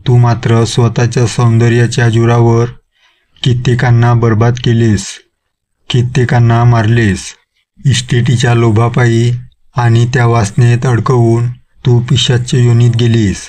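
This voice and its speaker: Man narrating a strict old guru, commanding and preachy, mid pitch, flat. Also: a little slow, close to an everyday voice. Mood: stern. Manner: commanding, lecturing. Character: stern old male guru exorcist.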